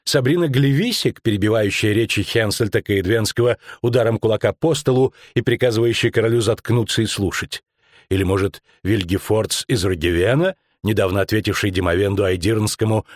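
A man playing a shrewd, ironic middle-aged lawyer-investigator in an audiobook, lecturing with drawn-out emphasis. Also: on the low side, no echo, studio quality, close to an everyday voice. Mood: mocking. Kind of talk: audiobook acting.

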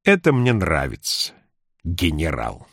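A man voicing a calm, ironic town doctor with a dry, steady delivery. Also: rumbling low, takes it slowly, creaky, slightly rough, no room sound, voice pushed down, exaggerated voice.

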